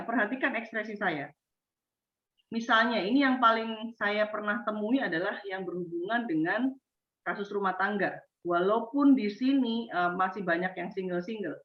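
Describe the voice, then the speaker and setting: A woman gives a university lecture, talking expressively and quizzing her students as she goes. Her voice sits fairly high. She is recorded far from the mic in an echoey space, with a dull, muffled tone. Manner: expressive, acts out example answers, asks the class questions. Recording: echoey, distant, dull sound.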